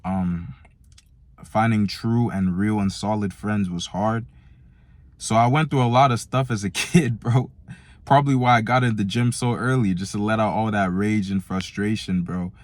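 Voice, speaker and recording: Fairly even in intonation and moderate in pace, this low-leaning voice belongs to a nineteen-year-old man doing a motivational vlog. Nigerian-born and raised in America from four, he has an American accent and speaks in casual slang, addressing young men directly as "bro" and "man."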